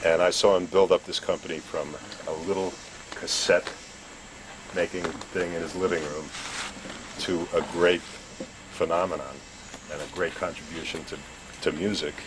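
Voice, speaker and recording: A man giving a heartfelt, halting tribute to an old friend at a gathering. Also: low-pitched, little pitch movement. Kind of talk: heartfelt speech. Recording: crowd and background noise.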